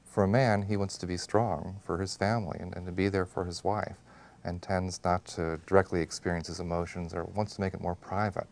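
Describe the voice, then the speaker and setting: A man speaking as a grief specialist in a documentary interview, explaining in a measured way. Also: low voice, level tone, gravelly, a little mellow.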